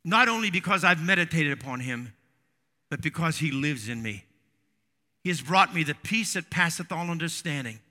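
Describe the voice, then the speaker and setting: A man preaches a sermon, his voice high and very bright. His delivery is earnest and builds into fervent emphasis. A long reverb trails each phrase, as if he stands in a large hall. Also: lively intonation, moderate pace.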